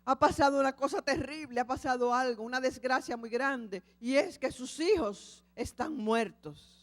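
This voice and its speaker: A woman's voice: a little high, very animated, measured pace, darkish tone, no room sound. A woman preacher voicing alarmed bystanders who urgently bring news that a man's children have died. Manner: urgent, insistent.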